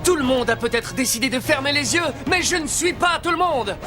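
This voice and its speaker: A man's voice: very high-pitched, lively intonation, a little fast, loud music behind the voice. A man voicing a self-assured, smug teenage boy TV star in a cartoon. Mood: heroic. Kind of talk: French anime-style dubbing.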